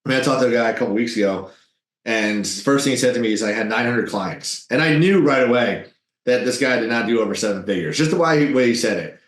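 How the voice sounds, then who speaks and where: A man telling business tips in an interview, animated and salesy. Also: medium pitch, roomy sound. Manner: animated, salesy, quick asides. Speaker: guest, business owner.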